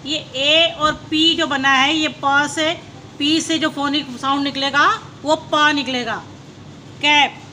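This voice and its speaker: A woman teacher, slowly spelling out letters and sounding them one by one in a phonics lesson for young learners. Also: high voice, fairly even intonation, pushed and bright, slight background noise.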